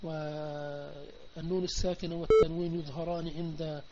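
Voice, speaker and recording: High-voiced man teaching online. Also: level tone, moderate pace. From Palestine. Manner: explains step by step and keeps asking if students understood. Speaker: Islamic teacher. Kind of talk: online tajweed and Quran commentary lesson. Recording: dull lo-fi voice chat with faint noise.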